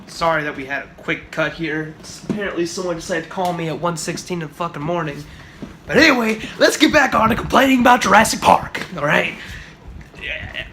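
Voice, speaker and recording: A man's voice: on the high side, a little fast, sharp tone. A young man giving an exasperated, profane, sarcastic movie review rant on his vlog. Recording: noisy home recording.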